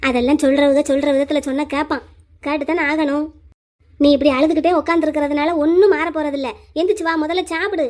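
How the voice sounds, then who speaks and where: A woman's voice: high-pitched, steady tone, fast talker, darkish tone, lightly acted. A woman voicing an older village mother in a cartoon, coaxing and scolding her grown daughter.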